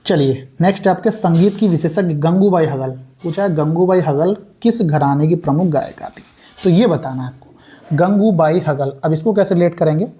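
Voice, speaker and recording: A young man runs a casual exam-prep lesson built on memory tricks. He talks in a chatty, repetitive way and keeps calling his viewers brother. His voice sits a little high with a mellow tone. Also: moderate pace. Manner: chatty, repeats words, addresses viewers as brother. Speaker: exam coaching teacher.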